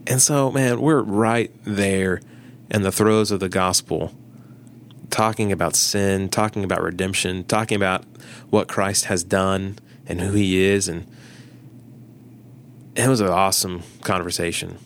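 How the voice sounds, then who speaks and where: Low-voiced pastor telling stories. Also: male voice, measured pace, a little hiss or hum. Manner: animated storytelling, acts out quoted dialogue. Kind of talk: casual podcast conversation.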